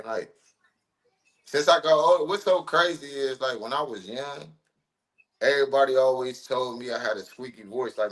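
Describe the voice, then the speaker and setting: The audio quality is poor for this man in his thirties, a rapper from Ohio, USA, whose medium-pitched voice sounds a bit bright. As a podcast guest he rambles casually and easily, heavy on slang and fillers.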